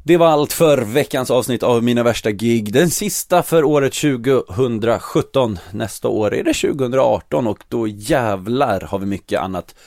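A man's voice: mid-range voice, expressive, hardly any pauses, a little mellow, no echo, clean studio sound. Man hosting a podcast. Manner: laughs often, short backchannel replies. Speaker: podcast host. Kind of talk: casual interview chat.

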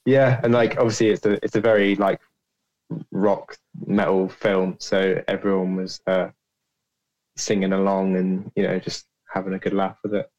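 A man's voice: low voice, little pitch movement, normal speed, a little mellow, dull audio. A man, co-hosting a podcast, speaking hesitantly with many fillers. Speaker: podcast co-host. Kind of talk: casual podcast chat.

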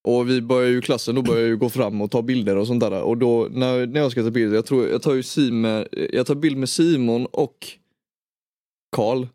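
A man's voice: mid-range voice, fairly even intonation, dark tone, dry recording, studio quality. Crude joking young man from Småland. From Småland, Sweden. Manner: crude, joking, laughs often. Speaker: podcast co-host. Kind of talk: casual chat.

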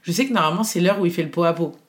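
A woman's voice: fairly low pitch, very fast. Chatty woman telling a story. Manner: animated storytelling, quoting others, frequent fillers. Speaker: guest telling her birth story. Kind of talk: casual chat.

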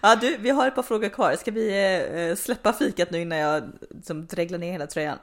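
A woman hosting a relaxed conversation, chatty and quick to laugh. She keeps talking through filler words and restarts, with an everyday mid-range voice. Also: medium pitch. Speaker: podcast host asking questions. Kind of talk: casual chat.

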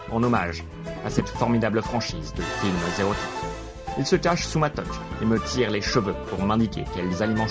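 Guy playing a pompous oddball dad leaving a voicemail, low voice that swoops all over, music under it. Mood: rambling. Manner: rambling, pompous, absurdly earnest monologue. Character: eccentric self-important father, a would-be detective. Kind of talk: comedic voicemail sketch.

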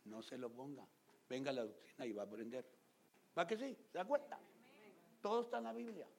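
Gravelly preacher man. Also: lively intonation, a little fast. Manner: mimics congregants in high squeaky voices; colloquial, addresses listeners with "vos". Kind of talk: lively humorous sermon. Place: church. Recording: gravelly voice, faint background noise.

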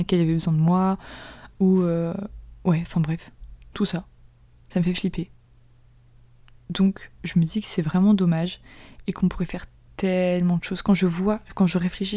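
A young woman hosting a podcast in a casual confessional monologue, chatty and slangy, often dropping into soft whispered asides. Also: on the low side, no room sound. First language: French. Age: young adult. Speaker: podcast host.

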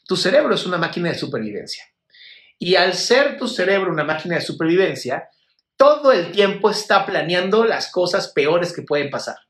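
A man's voice: high voice, very animated, normal speed, a bit bright, roomy sound. A man with a Mexican accent hosting a casual live stream, answering viewer questions with affectionate, blunt talk and some swearing. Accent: Mexican Spanish. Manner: affectionate, swears freely, calls viewers "my love". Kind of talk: casual live Q&A about mental health.

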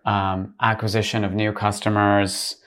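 A man's voice: on the low side, level tone, unhurried, a bit bright, clean tone. A middle-aged man hosting an interview, asking long probing questions with restarts and plenty of "you know" and "kind of". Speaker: interviewer, podcast host. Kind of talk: conversational interview.

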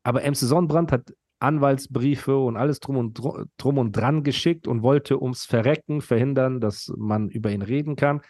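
A man's voice: medium pitch, normal speed, few pauses, darkish tone, no room sound, studio quality. A man hosting a podcast, telling stories and ranting casually in long, nonstop chatty runs full of slang. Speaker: podcast host.

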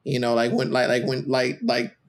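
A man's voice: mid-range voice, level tone, moderate pace. A man talking casually on a podcast about parenting, rambling with many restarts and trailing off. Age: adult with a teenage son.

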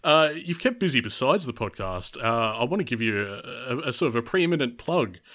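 An Australian man speaks as a podcast host. His delivery is casual and conversational, with a mid-range male pitch. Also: big pitch swings, a little fast, bright, forceful tone.

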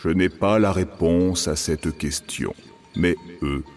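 A wise, calm griffon, half lion and half eagle, voiced by a male storyteller in a storybook tale. His voice is deep and booming, slow and solemn, each word weighed. Faint music runs underneath.

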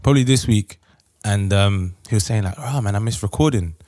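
A man's voice: fairly low pitch, fairly quick, a little mellow, no echo, studio quality. A man with a London roadman accent hosting a podcast in casual, playful, slang-heavy banter. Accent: London roadman, multicultural urban slang. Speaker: podcast host.

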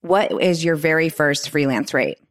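A woman's voice: low-pitched, normal speed. A woman hosting a podcast with upbeat, friendly, scripted-sounding introductions. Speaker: podcast host.

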